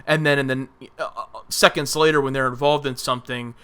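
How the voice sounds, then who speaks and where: Podcast co-host, male, bright and smooth-toned, opinionated and chatty, lots of restarts. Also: mid-range voice, fairly even intonation, a little fast. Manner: opinionated, rambling with restarts and filler. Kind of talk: casual film review chat.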